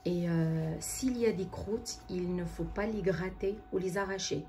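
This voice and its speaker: A woman's voice: lowish voice, measured pace, mellow, slight background noise. Enthusiastic woman beautician showing her work. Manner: enthusiastic, repetitive praise, instructive. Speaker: microblading beautician. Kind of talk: casual on-camera demonstration.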